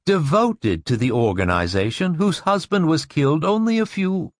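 A man's voice: a little high, very animated, moderate pace, no room sound, studio quality, pitched above the performer's own voice. A man putting on a hard, brittle fanatical woman. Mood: cold, insistent. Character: intense fanatical young widow, hard brittle voice.

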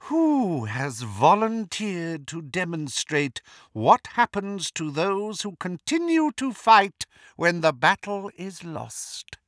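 Voldemort, high silky hissing dark lord. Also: male voice, big pitch swings, dry recording, studio quality, heavily acted. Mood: soft menace. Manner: slow, drawn-out, pompous menace. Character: cold, menacing male dark wizard lord, mocking.

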